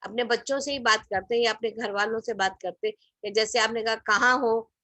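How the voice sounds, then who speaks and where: A woman's voice: a little high, fairly even intonation, quick pace, a bit bright, no room sound. A woman leading an online group class over a video call, explaining with everyday examples and putting questions to her group. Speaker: teacher leading a group session. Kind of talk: interactive online class talk.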